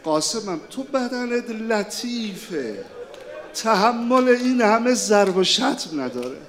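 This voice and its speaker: A man preaching a sermon and voicing a gentle, protective uncle who speaks tenderly and sorrowfully. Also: sits high, very animated, voice pushed up. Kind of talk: acted quote in a mourning sermon.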